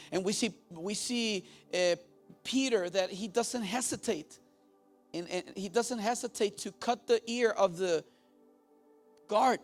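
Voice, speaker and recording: A Mexican man preaching a bilingual sermon as pastor, going back and forth between Spanish and English and asking his congregation questions. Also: very high-pitched. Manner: switches between Spanish and English, repeating each point; asks the congregation questions and has them repeat.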